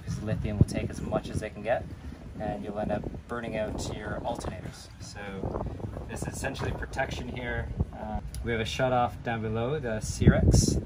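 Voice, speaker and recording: A man in his thirties with a lowish voice, talking through a battery install on his boat in a relaxed, practical way. He pauses often with "uh" and "um". Steady noise from the outdoor marina runs underneath. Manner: relaxed, practical, many fillers. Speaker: sailing vlogger doing a boat install. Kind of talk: casual explaining while working. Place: catamaran engine room and cockpit, outdoors at a marina.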